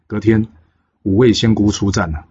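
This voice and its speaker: Brief: lively male storyteller, deep and raspy. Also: moderate pace. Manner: lively, with exclamations and filler particles. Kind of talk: oral storytelling of a legend. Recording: dull lo-fi recording.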